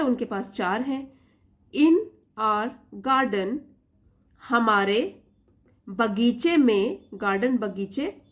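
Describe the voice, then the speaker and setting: Indian woman teacher, higher voice, slow and deliberate, reads English word by word and explains each line. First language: Hindi. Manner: reads English lines very slowly word by word, then explains them in Hindi. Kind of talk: Hindi-medium English reading lesson.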